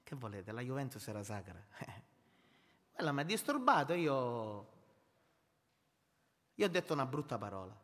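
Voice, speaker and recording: A man's voice: medium pitch, very animated, moderate pace, long pauses, fairly bright tone, long reverb tail. A man preaching a sermon, emphatic and repetitive, calling his listeners brothers. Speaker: pastor.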